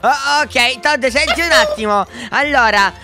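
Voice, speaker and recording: A man voicing an excitable little boy who thinks he is Mario, shouting and apologizing by turns in a Minecraft roleplay. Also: extremely high pitch, unhurried. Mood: eager. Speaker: roleplay video maker. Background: background music.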